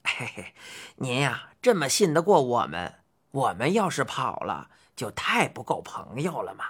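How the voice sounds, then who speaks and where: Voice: medium pitch, sing-song, measured pace, a bit bright, breathy edge, pitched below the performer's own voice, exaggerated voice. A narrator doing a sly, chuckling old man. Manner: chuckling and ingratiating. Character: sly, smooth-talking odd old man. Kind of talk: audiobook character voice.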